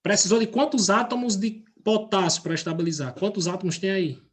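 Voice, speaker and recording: A man's voice: sits high, brisk. A man teaching a chemistry class, using everyday analogies and regularly asking named students questions. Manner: checks in with students by name and asks frequent questions. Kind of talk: live class explanation.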